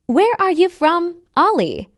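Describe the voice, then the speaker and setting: A woman reading a friendly learner's part in a scripted practice dialogue for English learners, speaking slowly and carefully enunciating each line. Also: very high voice, wildly swooping pitch, dry recording, clean studio sound, full character voice. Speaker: dialogue reader.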